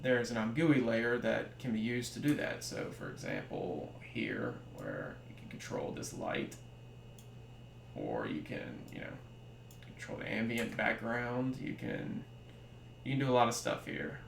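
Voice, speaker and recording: A young man, a library developer, giving a casual screen-recorded tutorial, relaxed and full of ums and trailing pauses. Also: fairly low pitch, vocal fry. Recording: roomy echo with faint hum.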